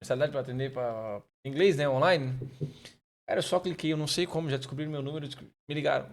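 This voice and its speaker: Fast-talking man telling anecdotes. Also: fairly high pitch. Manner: lively anecdote-telling, says "cara" a lot. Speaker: podcast co-host. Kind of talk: casual chat.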